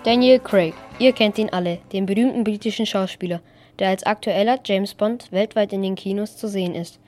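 A woman presents a school news piece from a script, playful and lively. Her pitch sits in the middle range. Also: brisk, soft background music.

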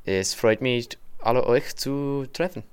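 A young American man from Indiana, a native English speaker with an American accent, answering interview questions in halting learner German full of fillers. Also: medium pitch, a little mellow, clear, resonant tone. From Indiana, USA. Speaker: English language assistant at a school.

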